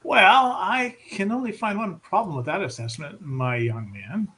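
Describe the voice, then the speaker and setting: A man voicing a whimsical, rascally bearded man who speaks in a teasing, unhurried way. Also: high voice, expressive, pushed and bright, pitched above the performer's own voice, exaggerated voice. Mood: playful.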